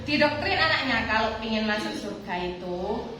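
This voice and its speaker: A woman's voice: fairly high pitch, lively intonation, moderate pace, noisy background. A woman with an East Javanese accent giving a casual religious lesson to students, asking rhetorical questions and answering them herself. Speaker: religious teacher addressing students. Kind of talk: informal religious lesson with a personal story. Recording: echoey room picked up from a distance.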